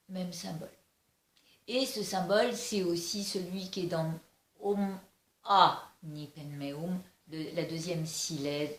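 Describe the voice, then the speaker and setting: A woman giving a casual spiritual oracle card reading, slow and halting with many fillers and restarts. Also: lowish voice, a bit bright. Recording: echoey room with faint noise.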